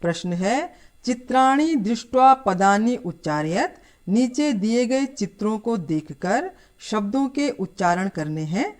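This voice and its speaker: A woman teaching a lesson to schoolchildren, explaining slowly and patiently. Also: on the high side, animated. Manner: slow, patient, addressing children. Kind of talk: scripted lesson.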